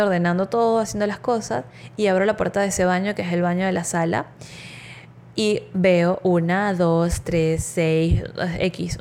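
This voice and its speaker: A woman telling a personal story to her listeners in an expressive, animated way. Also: medium pitch. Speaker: wellness speaker.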